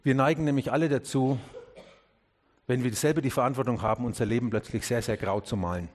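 A man's voice: steady tone, fast, slight background noise. A man preaching a sermon to his congregation, asking questions earnestly and speaking to them directly. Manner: drops low and quiet on key words, rises when urging. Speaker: pastor.

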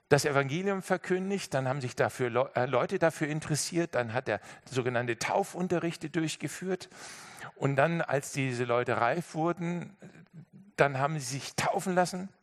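A man preaching a sermon, telling a story in an emphatic, lively way and speaking directly to his listeners. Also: on the high side, moderate pace.

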